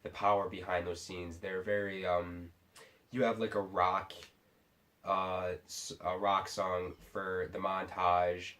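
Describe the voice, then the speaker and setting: A tipsy man giving a casual, unscripted movie review in a rambling, halting way, often restarting his sentences. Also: deep voice, little pitch movement, a bit bright. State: tipsy from drinking sake. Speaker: film reviewer.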